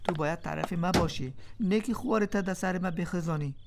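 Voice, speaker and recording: A woman's voice: on the low side, noisy background, natural voice. A woman voicing a husband accused of cheating, exasperated and pleading.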